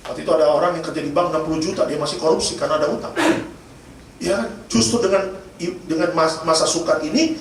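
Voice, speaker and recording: Male pastor, high-pitched, jokey storyteller; distant mic in a booming hall. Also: steady tone, quick pace, gravelly. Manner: storytelling with humor, addresses congregation as Bapak Ibu. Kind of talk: sermon. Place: church. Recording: echoey church hall from far off, noisy.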